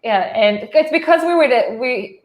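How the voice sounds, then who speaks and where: Speaking in a high-pitched, animated voice at normal speed, with a faint hiss or hum in the audio, a New Zealand woman in her thirties shares her life story. She's an interview guest on a video call, chatty and quick to laugh, constantly using "like" and restarting her sentences.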